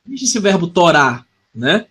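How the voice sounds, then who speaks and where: A man's voice: sits high, big pitch swings, measured pace, fairly bright tone, breathy edge. A man in casual conversation, thoughtful and agreeable, explaining his points with examples.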